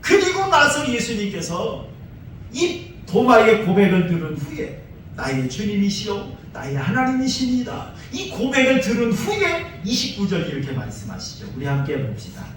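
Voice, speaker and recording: A male pastor delivering a sermon with a high, very lively voice, pressing his points with emphatic rhetorical questions. His voice booms through a strongly echoing sanctuary, caught by a distant mic with a faint hiss underneath. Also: moderate pace. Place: church sanctuary. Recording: echoey church hall from afar.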